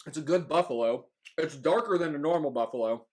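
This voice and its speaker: A man's voice: on the high side, brisk, darkish tone. A man hosting a casual challenge vlog, talking informally and repeating phrases for emphasis. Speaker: host of a hot wings challenge.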